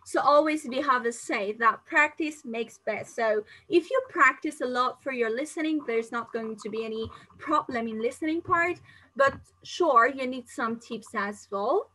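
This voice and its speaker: Woman from Singapore, online English teacher, chatty, answers viewer questions live, bright tense tone, fairly high voice. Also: normal speed, poor audio. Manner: frequent fillers and restarts, non-native phrasing. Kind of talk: live-streamed exam-prep lesson.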